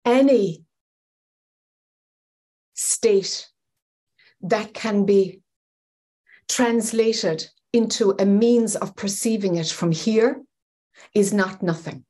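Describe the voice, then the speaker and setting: Woman, 50s, spiritual teacher on a video call from home; reflective, gestures as she talks, even middle pitch. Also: very slow, pauses often. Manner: thoughtful, searching for words, animated hand gestures. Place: home room with bookshelves, indoors. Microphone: webcam on video call.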